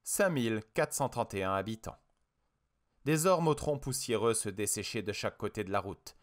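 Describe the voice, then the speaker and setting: Expressive male audiobook narrator. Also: on the low side, normal speed. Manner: expressive, dramatic reading. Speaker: audiobook reader.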